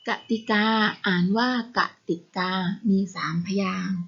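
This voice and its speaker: A woman primary school teacher giving a recorded lesson, reading example words slowly and carefully to young pupils. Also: mid-range voice, breathy edge, highs cut off.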